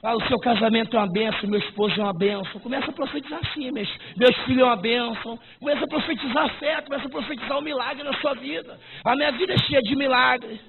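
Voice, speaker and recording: A man preaching a fervent sermon at a church service, often breaking into shouts. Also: extremely high pitch, quick pace, vocal fry, few pauses. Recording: tinny lo-fi recording with noise.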